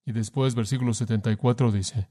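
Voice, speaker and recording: A man's voice: medium pitch, steady tone, a little fast, warm tone. A man preaching a sermon, speaking earnestly and emphatically, asking his listeners direct questions.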